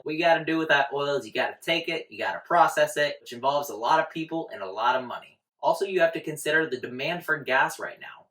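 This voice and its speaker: Energetic, jokey man with a Texan accent. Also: mid-range voice, reverberant. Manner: energetic and jokey, with bursts of loud emphasis. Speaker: stock market YouTuber. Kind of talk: upbeat scripted video explainer.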